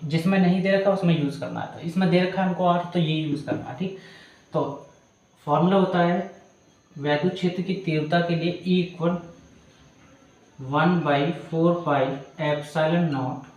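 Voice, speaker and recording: In a very echoey room, a man teaches physics, solving a problem step by step and calling his students "beta". His voice is high and steady, somewhat dark in tone, and his delivery is brisk.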